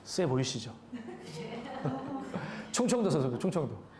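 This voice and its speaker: A man's voice: on the high side, expressive, unhurried, a crowd in the background. A male pastor preaching a sermon in a conversational way, asking the congregation questions. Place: church sanctuary.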